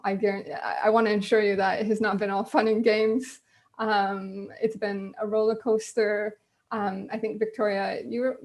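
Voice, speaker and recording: A woman at her computer hosting a relaxed video-call panel, speaking at an ordinary middle pitch. Her delivery is loose and conversational, dotted with ums as she introduces people and plans the evening. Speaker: host. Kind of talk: casual online panel chat.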